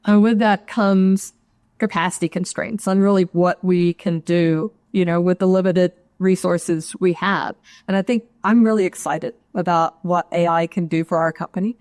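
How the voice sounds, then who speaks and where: Low-voiced woman explaining, dry sound. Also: fairly even intonation, darkish tone, dry recording. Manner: measured, explanatory, adds tag questions. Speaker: guest, chief actuary. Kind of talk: interview answer.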